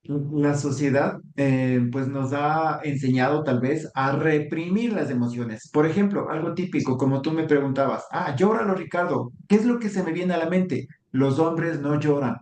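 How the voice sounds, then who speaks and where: A man's voice: a little high, normal speed, hardly any pauses, a little mellow, reverberant. A man hosting a live interview, speaking casually with hesitant fillers. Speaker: host.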